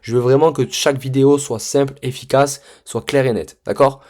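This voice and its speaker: A man's voice: mid-range voice, steady tone, normal speed, darkish tone. A man teaching a trading lesson in a casual, direct way, with many fillers and frequent check-ins with his viewers. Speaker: trading mentor.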